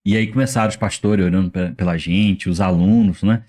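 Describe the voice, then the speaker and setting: A man's voice: deep voice, fairly quick. A young adult man from Rio de Janeiro with a Carioca accent, a youth pastor telling his story in a casual interview, full of slang and acted-out quotes. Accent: Carioca Portuguese. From Rio de Janeiro, Brazil. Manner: animated storyteller, slangy, acts out quoted voices. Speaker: youth pastor, podcast guest.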